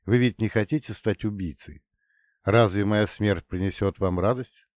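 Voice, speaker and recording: A man voicing a calm, composed man who speaks quietly and firmly in an audiobook. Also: fairly low pitch, moderate pace, no room sound, clean studio sound, close to an everyday voice.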